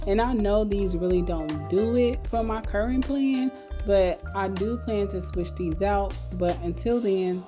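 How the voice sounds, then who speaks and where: A woman's voice: mid-range voice, warm tone. Casual woman vlogger over background music. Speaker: home makeover vlogger. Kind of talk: casual vlog narration.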